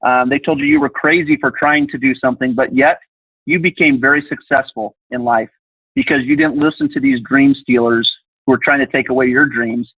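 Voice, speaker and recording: A man's voice: mid-range voice, animated, brisk, slightly rough, dry recording. A man hosting a company group call, earnest and stammering, repeating his words as he speaks. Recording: tinny dry phone line.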